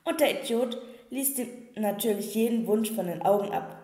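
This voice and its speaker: A woman voicing a hurried, worried young man in an audiobook, talking in a rushed, distracted way. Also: fairly high pitch, dark tone, lightly acted. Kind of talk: audiobook reading. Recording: echoey room with long reverb.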